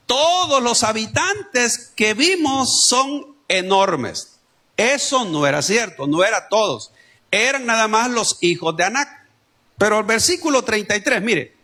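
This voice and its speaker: A man's voice: very high voice, bright, forceful tone. A man preaching a Sunday sermon to his congregation, speaking conversationally and addressing listeners directly. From El Salvador. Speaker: pastor. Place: church.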